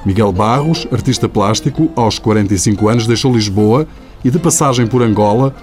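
A man's voice: fairly low pitch, a little fast, darkish tone, soft background music. Man narrating a radio report.

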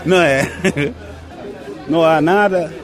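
A man's voice: a little high, takes it slowly. Older man in a busy market. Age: 60s. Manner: plain-spoken, repetitive, often asks "não é?". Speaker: bicycle repairer. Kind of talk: street interview. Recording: loud market crowd behind.

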